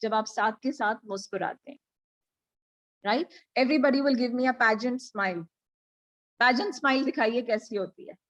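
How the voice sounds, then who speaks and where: An energetic Indian-accented woman runs a live online grooming class, voice pushed up and projected to hold attention. Her pitch sits fairly high, yet she takes her words at an unhurried, deliberate pace, switching between English and Hindi as she coaxes her students. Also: highs cut off. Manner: mixes English and Hindi, coaxing and directing the class. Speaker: pageant grooming coach. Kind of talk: live online coaching session. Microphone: video call.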